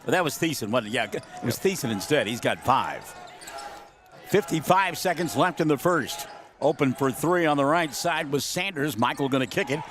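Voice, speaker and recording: A man calling a high school basketball game on the radio, jokey and excitable, yelling on big plays. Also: moderate pace. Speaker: play-by-play announcer. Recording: gym crowd noise behind.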